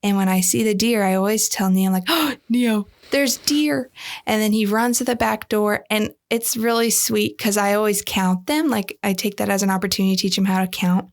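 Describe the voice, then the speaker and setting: A young woman co-hosting a faith podcast, gushing in casual chat with animated storytelling. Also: medium pitch, brisk, few pauses. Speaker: podcast co-host.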